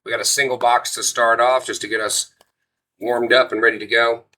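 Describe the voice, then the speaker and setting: A man's voice: medium pitch, level tone, fairly quick, bright, forceful tone, rough recording. A man hosting a live card break, giving casual auction sales patter to viewers.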